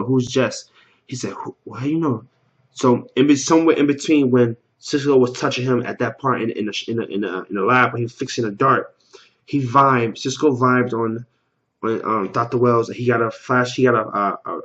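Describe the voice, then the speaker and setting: A man's voice: mid-range voice, fairly bright tone, lo-fi sound. A man casually recapping a TV episode, rambling, stumbling over words and repeating himself, with loose slangy talk. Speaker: TV episode reaction vlogger.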